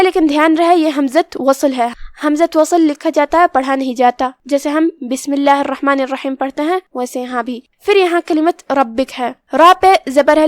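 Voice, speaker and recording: A woman teaching Quran recitation rules, explaining calmly and reciting verses slowly and carefully. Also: sits high, dry recording. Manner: slow, careful recitation between plain explanations. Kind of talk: tajweed lesson.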